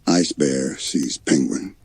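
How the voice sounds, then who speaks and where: A man voicing a stoic, wise male polar bear in a bedtime story, soft, terse and deadpan. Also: a bass voice, slow, slightly rough, no room sound, exaggerated voice. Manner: deadpan, soft, matter-of-fact, third-person.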